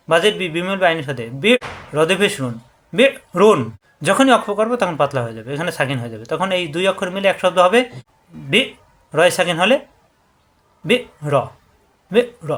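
A man teaching Quran reading rules. He explains step by step, and he drills syllables slowly and over again. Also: fairly high pitch, a bit bright. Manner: slow, repetitive drilling of syllables. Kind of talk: tajweed lesson.

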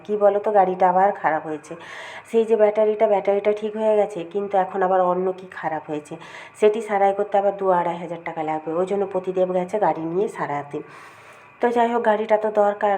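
A middle-aged woman chatting casually to her viewers at home, rambling about her day, with a cold and a slightly hoarse throat. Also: medium pitch, warm tone, a little hiss or hum. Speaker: vlogger. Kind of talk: casual daily-life vlog chat.

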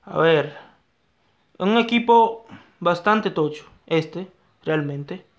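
A young man giving excitable live gameplay commentary, talking to himself and his viewers and repeating his phrases. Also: high-pitched, slow pace, lo-fi sound. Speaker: gaming YouTuber.

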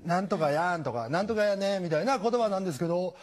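A woman's voice: on the low side, expressive, a little mellow, voice pushed down, close to an everyday voice. Man doing a shy young woman. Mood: hesitant. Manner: hesitant, halting.

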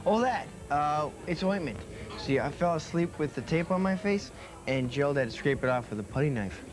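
A man's voice: a little high, animated, moderate pace, music in the background, lightly acted. An actor playing a hapless young man who mocks himself, in a sitcom. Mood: sheepish. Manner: sheepish, self-mocking. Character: hapless, self-mocking young diner cook. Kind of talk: sitcom acting.

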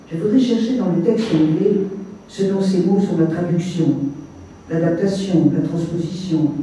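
A man, the author, reads his literary text aloud at a public evening, in a measured way with brief asides, recorded from a distance in an echoey hall. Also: sits high, mellow, slight background noise. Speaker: author reading his book. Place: reception hall with audience. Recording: echoey room, mic at a distance.

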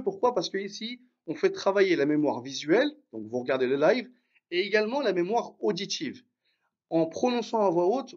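A man's voice: high voice, highs cut off. A man teaching a live online lesson, patiently repeating each point and checking that his students follow. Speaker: language teacher.

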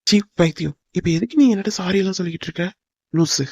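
A man's voice: high voice, fast talker, darkish tone, husky, no echo. A man voicing Hari, an earnest young lover. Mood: tender. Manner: pleading, soothing. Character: earnest young man in love, tender and reassuring. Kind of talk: cartoon drama voice acting. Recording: dull lo-fi dry recording.

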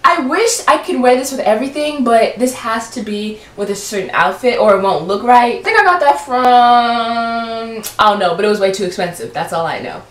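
A woman's voice: medium pitch, animated, a little fast, hardly any pauses, echoey room. A young woman chatting casually through a clothing try-on haul, giggly and often stumbling over her words. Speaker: vlogger.

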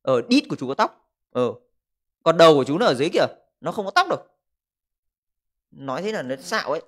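Guy in his 20s, slightly high voice, crude jokey livestream chat at home on a desk mic. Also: very animated, fast talker, a bit bright. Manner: joking and crude, reading viewer comments aloud. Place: room at home. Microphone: desk microphone.

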